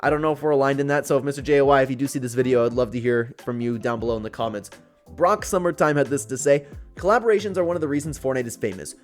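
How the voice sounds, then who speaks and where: A young man races along in a medium-pitched voice, faint music behind him, giving chatty YouTube-style gaming commentary. He talks informally to his viewers, reacting casually to their posts as he reads them out.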